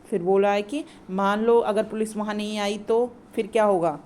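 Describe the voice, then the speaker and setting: A woman's voice: mid-range voice, fairly even intonation, moderate pace, a little mellow, slight background noise. Woman teacher explaining a lesson. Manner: retells each line in simpler words.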